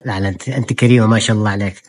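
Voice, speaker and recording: A woman's voice: extremely low pitch, fairly even intonation, very fast, darkish tone. A woman filming a casual family vlog, coaxing the children along with playful, admiring exclamations.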